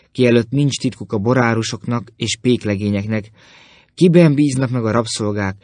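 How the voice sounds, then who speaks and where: Sly fawning greek schemer, kinda low, bragging and bowing, a guy putting him on. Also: a little mellow, no room sound, lightly acted. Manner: obsequious and boastful. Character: sly, fawning male Greek philosopher-informer.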